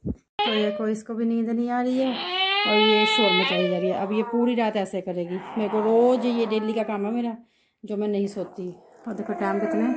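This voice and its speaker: A woman talking softly to her children and the camera at home late at night, recorded on a phone. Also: medium pitch, heavy background noise. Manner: soft, coaxing talk to children at night. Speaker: vlogger, mother. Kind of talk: casual home vlog.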